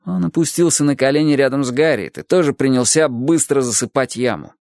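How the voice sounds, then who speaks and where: A man narrating an audiobook in an expressive storytelling manner. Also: medium pitch, brisk, vocal fry, no room sound, clean studio sound. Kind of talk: audiobook reading.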